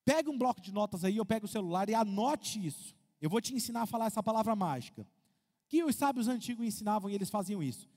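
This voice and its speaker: A man with a Brazilian Portuguese accent, preaching an animated sermon as pastor, asking the congregation questions and acting out quotes. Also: high-pitched, quick pace. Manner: lively, asks the congregation questions, acts out quotes. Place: large church hall. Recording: long hall reverb.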